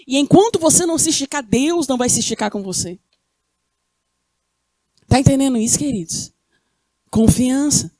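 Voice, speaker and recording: A woman's voice: high-pitched, a little mellow, no echo, clean studio sound. A woman from Rio de Janeiro with a Carioca accent, preaching a sermon who asks the congregation questions and answers them herself. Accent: Carioca Brazilian Portuguese. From Rio de Janeiro, Brazil.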